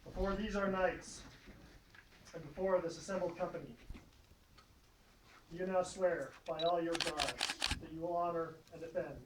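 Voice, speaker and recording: A man presiding over a knighting ceremony in a solemn, regal, formal and measured declamatory way. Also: fairly high pitch, steady tone. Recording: echoey, distant mic, faint noise, clicks.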